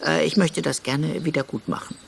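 A man's voice: a little high, fairly even intonation, moderate pace, gravelly, slight background noise, voice pushed up. A man voicing a shy, hesitant little male creature in a storybook reading. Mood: timid. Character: timid little mountain creature, young male.

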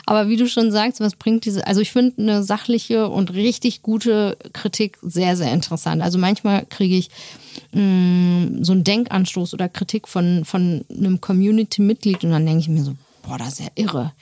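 A woman's voice: mid-range voice, steady tone, moderate pace, warm tone, no room sound, clean studio sound. A woman content creator talking candidly and emphatically in a casual podcast conversation. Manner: candid, emphatic, quotes critics in put-on voices.

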